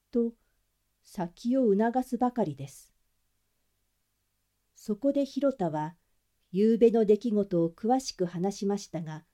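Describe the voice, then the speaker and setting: A woman narrating a classic detective novel in a gentle, even storytelling voice. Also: mid-range voice. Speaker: audiobook narrator.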